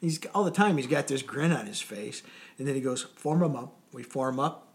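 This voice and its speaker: A man with a gravelly, creaky voice spins loose service anecdotes in an easy conversational way. He restarts his sentences, chuckles through the memories and keeps the tone relaxed, as a guest being interviewed. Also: medium pitch, normal speed. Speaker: interview guest, former Coast Guard sailor. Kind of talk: casual storytelling.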